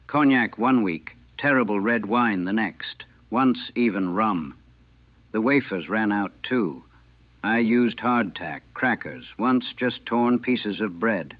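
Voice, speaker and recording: Low grave man on a tinny old recording. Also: lively intonation, dry recording. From United States. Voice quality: grave, measured, haunted. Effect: old archival recording, narrow and tinny. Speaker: army chaplain recalling the war. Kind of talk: solemn first-person recollection.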